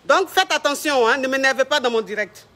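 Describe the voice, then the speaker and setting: A relationship coach, speaking live from home in a very high, bright, forceful voice. He is a man with a flamboyant and mocking manner, teasing his viewers with theatrical flair. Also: fairly quick. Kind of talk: live stream chat. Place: at home with family around.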